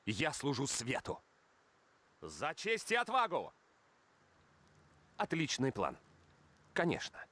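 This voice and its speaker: Proud young paladin prince, widely swinging pitch. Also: male voice, wildly swooping pitch, takes it slowly, long pauses, bright, forceful tone, exaggerated voice. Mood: proud, resolute. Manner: proud, declamatory. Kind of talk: heroic video game character lines.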